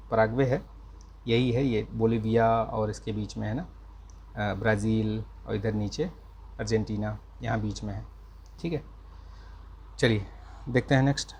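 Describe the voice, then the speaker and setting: A man teaching an exam-prep lesson, speaking slowly and carefully and checking in with the listener again and again. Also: medium pitch, vocal fry, darkish tone, breathy edge. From India. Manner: slow, careful speech with repeated check-ins. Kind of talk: casual exam-prep lecture.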